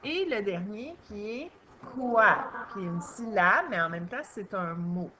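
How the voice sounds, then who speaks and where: A woman's voice: mid-range voice, expressive, unhurried, lo-fi sound, crowd noise. A woman with a Québécois French accent teaching young children to read, patiently sounding out syllables one by one. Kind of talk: early reading lesson for young children.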